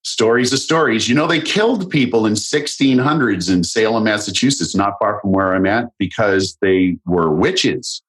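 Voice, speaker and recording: A man hosts a casual interview with an eager, affirming manner and a habit of wandering into side points. His voice sits very low and sounds husky and a little breathy. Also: expressive, normal speed. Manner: enthusiastic, affirming, prone to tangents. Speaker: podcast host.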